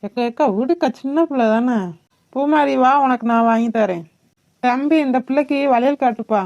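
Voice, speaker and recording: A woman voicing a kindly older village aunt in a cartoon, gently coaxing and soothing. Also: high-pitched, normal speed, vocal fry, muffled recording, voice pushed down.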